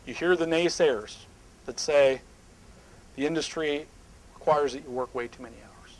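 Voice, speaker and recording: A middle-aged man speaking at a live seminar on a small indoor stage, emphatic and animated, sometimes dropping to hushed asides. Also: fairly high pitch, normal speed, rough recording.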